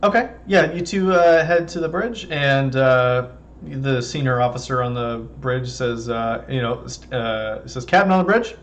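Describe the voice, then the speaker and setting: A man's voice: medium pitch, fairly even intonation, unhurried. Hesitant man running a tabletop game. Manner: loose, hesitant narration full of fillers. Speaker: game master. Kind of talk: narrating a tabletop role-play game.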